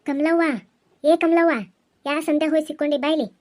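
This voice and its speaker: A woman voicing a stern, protective middle-aged village aunt who scolds loudly, with a North Karnataka Kannada accent. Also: on the high side, steady tone, a little fast, natural voice. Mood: scolding. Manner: scolding, threatening, loud.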